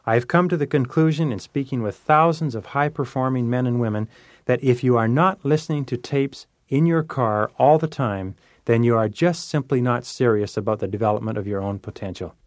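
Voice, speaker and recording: A man's voice: mid-range voice, normal speed, no room sound, clean studio sound. A man giving a self-help lecture, coaching listeners in an emphatic, repetitive way. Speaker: motivational speaker.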